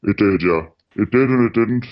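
A man speaking as an anonymous radio interview guest through a voice-disguising distortion filter, in a plain matter-of-fact way. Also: normal speed. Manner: plain, matter-of-fact, frequent "like" and "you know". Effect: voice disguised by a distortion filter, deep. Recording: dull lo-fi sound.

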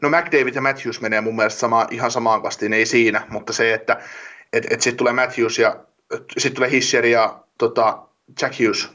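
A man's voice: medium pitch, steady tone, sharp tone, lo-fi sound. A man talking hockey in a casual podcast chat, rambling with many restarts and fillers.

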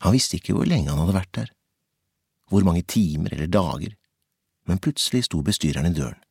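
A man narrating a novel as an audiobook in a measured, intense storytelling manner. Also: low-pitched, animated, vocal fry, a little mellow, breathy edge, no room sound, studio quality.

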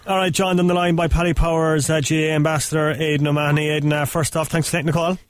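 A man's voice: a little high, flat delivery, fast talker, no room sound. A man with a Cork Irish accent presenting and interviewing as a sports radio host. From Cork, Ireland. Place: dry radio studio.

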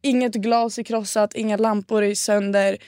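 A young woman co-hosting a casual podcast chat, telling stories in an animated way and acting out quotes. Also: medium pitch, dry recording, studio quality. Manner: animated storyteller, acts out quotes. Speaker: podcast co-host.

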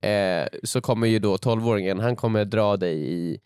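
A man's voice: on the low side, a little mellow, smooth, dry recording, clean studio sound. A young man co-hosting a casual podcast, playful and joking, slipping into silly put-on voices. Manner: playful, acts out voices in jokes. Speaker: podcast co-host.

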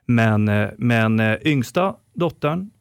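A man's voice: medium pitch, expressive, smooth, no echo, studio quality. Middle-aged man explaining at length. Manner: insistent, explaining at length with restarts. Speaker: podcast co-host. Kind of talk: casual chat.

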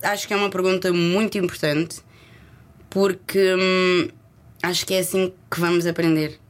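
A woman from Lisbon, speaking with a Lisbon Portuguese accent, answers reflectively and haltingly as a guest in a candid interview, occasionally slipping in English words. Her pitch is fairly low with little movement.

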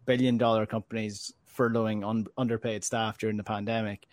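A man's voice: fairly low pitch, little pitch movement, brisk, dry recording. A man with an Irish accent hosting a casual sports discussion, earnest and emphatic, often rephrasing himself. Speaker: football podcast host.

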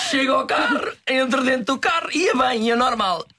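A man's voice: very high voice, lively intonation, moderate pace, sharp tone, heavily acted. A man with a European Portuguese accent playing a grown man who cries at everything, talking tearfully and sobbing in an improvised comedy sketch. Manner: tearful, sobbing, cracking into laughs.

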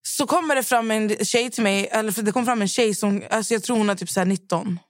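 A woman's voice: medium pitch, no echo, clean studio sound. A woman with a Swedish accent, a podcast host telling stories in casual chat and acting out what people said. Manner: animated storyteller acting out quotes.

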